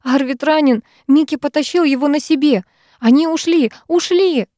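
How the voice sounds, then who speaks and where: Brief: woman reader voicing a hysterical young woman, shrill and tearful, dry close sound. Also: moderate pace, warm tone, no room sound, close to an everyday voice. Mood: frantic. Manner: frantic, tearful high cries. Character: young woman friend, panicked and sobbing.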